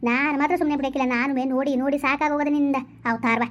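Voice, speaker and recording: A woman playing a sharp-tongued village wife in a comic skit, hurling curses and scolding tirades. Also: sits high, fairly even intonation, very fast, close to an everyday voice. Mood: cursing. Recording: dull lo-fi audio.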